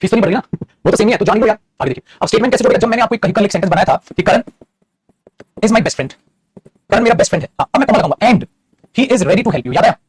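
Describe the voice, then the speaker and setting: A man gives a grammar lecture at a headlong pace. His voice sits high and sounds a little husky. The sound is dry and close, with no room around it. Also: animated, dry recording. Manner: rapid and explanatory, addresses students as "beta", often asks "theek hai?". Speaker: English grammar teacher. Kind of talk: classroom lecture in Hindi mixed with English.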